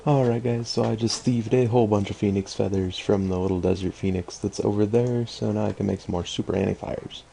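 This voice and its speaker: A low-pitched man with a heavily gravelly, fry-laden voice talks through his gameplay in a loose, chatty way. His tone is mellow and dark, and he keeps restarting sentences and filling gaps with ums. He sounds like he's recording from home at a desktop mic. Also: fairly even intonation, fairly quick, few pauses, slight background noise. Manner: casually profane when frustrated. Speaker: gaming channel host. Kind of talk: casual gameplay commentary.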